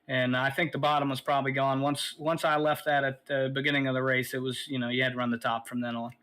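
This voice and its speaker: A man's voice: medium pitch, little pitch movement, fast, a bit bright, low-quality recording. A man, a sim racing driver, a little out of breath, talking casually and rambling in a post-race interview.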